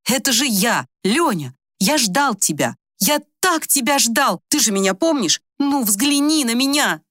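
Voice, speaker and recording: A woman voicing an old man over seventy who is timid and eager, pleading in a warm, slightly raised voice. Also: on the high side, very animated, slow pace, no echo, studio quality, pitched above the performer's own voice, exaggerated voice.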